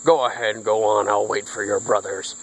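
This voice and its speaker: A man voicing a dim-witted, hungry male troll who lives under a bridge, speaking in slow, simple threats. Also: fairly low pitch, steady tone, vocal fry, fairly bright tone, voice pushed down, poor audio. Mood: greedy.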